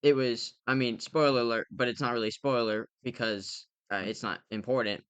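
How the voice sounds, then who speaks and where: A man's voice: medium pitch, fairly even intonation, brisk, a bit bright, clear, resonant tone, no room sound. A young man co-hosting a podcast, giving rambling, opinionated movie reviews in casual chat. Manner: rambling, opinionated, frequent fillers. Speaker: podcast co-host.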